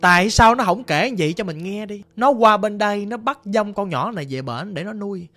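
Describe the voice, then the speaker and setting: A woman with a Southern Vietnamese accent narrating a ghost story in a hushed, somber, conversational way. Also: medium pitch, lively intonation, a little fast, soft background music.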